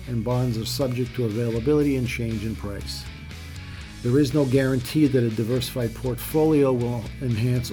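A man giving a measured, formal scripted narration as a financial podcast host. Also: mid-range voice.

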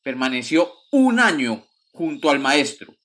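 A man reads a children's fairy tale aloud as host of a story channel. His voice sits a little high and rings bright and clear. He tells the tale in a gentle, measured way. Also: sing-song.

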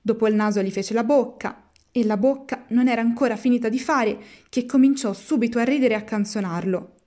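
A woman narrating a storybook in a measured, expressive read-aloud. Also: fairly high pitch. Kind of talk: storybook reading.

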